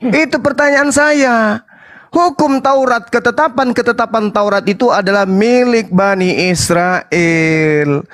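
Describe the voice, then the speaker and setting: High-voiced man, taunting in a heated debate. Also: slow pace, a bit bright. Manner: taunting, mocking, presses questions.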